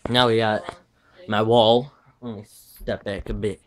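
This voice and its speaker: Speaking at a measured pace in a fairly low, level voice, a teenage boy with a retainer-induced lisp shows off his bedroom gaming setup on a handheld camera. The tour is casual and rambling, offhand and wandering, with self-correcting asides, and there is slight background noise.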